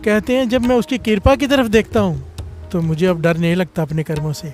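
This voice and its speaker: High-voiced man preaching a katha. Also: steady tone, fairly quick, a little mellow, faint music behind. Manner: storytelling, repeatedly calling the congregation to respond; rises in pitch and volume at emphatic points. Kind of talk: Sikh katha sermon.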